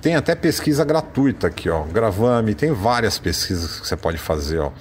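A Brazilian man with a Brazilian Portuguese accent hosts a car channel and casually walks through a website in a screen-share voice-over. His lowish voice is animated and chatty at normal speed, informal and thinking aloud with fillers.

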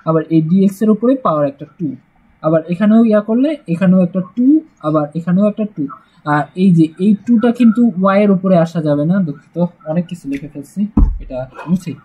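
A man's voice: high-pitched, lively intonation, brisk, slightly rough, narrow, tinny audio. A man teaching a casual math lesson, chatty and joking, with frequent "uh" fillers. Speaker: math tutor.

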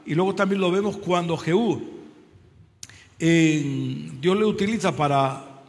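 A man preaching a sermon in a church, calling for applause and amens and retelling a story with hesitations and dramatic pauses. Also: a little high. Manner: calls out for applause and amens, loud exclamations. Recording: long hall reverb.

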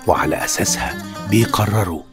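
A man giving calm scripted narration. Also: deep voice, fairly quick, lightly acted. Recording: narration over loud music.

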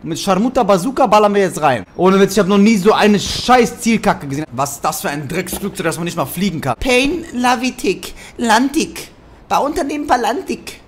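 A man raging through his gameplay commentary, cursing and often shouting. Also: high voice, lively intonation, fast, few pauses. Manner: swearing, ranting, often shouting. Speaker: let's play host. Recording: game music behind.

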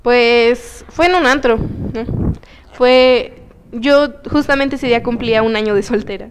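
A young Mexican woman co-hosting a chat show, telling a story in an animated, slangy, playful way. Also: a little high, measured pace, a little hiss or hum. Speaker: co-host. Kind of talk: casual chat.

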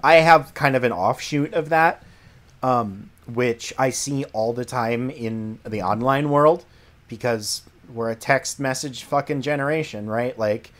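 A young man in his twenties co-hosts a relaxed podcast chat. He is easygoing and jokey, and often chimes in with quick agreement. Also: mid-range voice. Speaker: podcast co-host. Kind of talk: casual chat.

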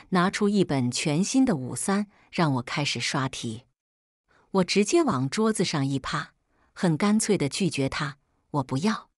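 Low-voiced woman narrating a story. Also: no room sound, clean studio sound. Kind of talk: scripted first-person narration.

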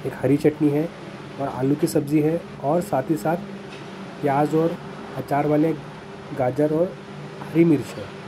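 A man's voice: fairly high pitch, fairly even intonation, a little slow, long pauses. A man narrating a casual food review in a small café, chatty and enthusiastic, with some hesitant fillers. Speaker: food vlogger. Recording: noisy café background.

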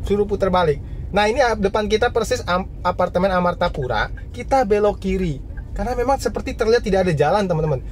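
A man's voice: sits high, lively intonation, fast, a little hiss or hum. A man vlogging from a moving car at night, chatting casually and guiding viewers along the road. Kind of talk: casual driving commentary.

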